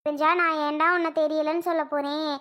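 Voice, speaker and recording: A woman's voice: high voice, little pitch movement, fast, heavy background noise, lightly acted. A woman voicing a confused young woman with lost memory in a cartoon, plaintive and bewildered. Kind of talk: cartoon voice acting.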